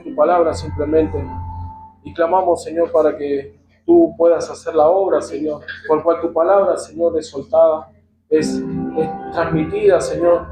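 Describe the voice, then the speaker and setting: Preacher: man with an Argentine accent, high voice, echoey church hall with music behind. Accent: Argentine Spanish. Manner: fervent prayer, repeating "Lord" in nearly every phrase. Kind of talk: sermon and congregational prayer.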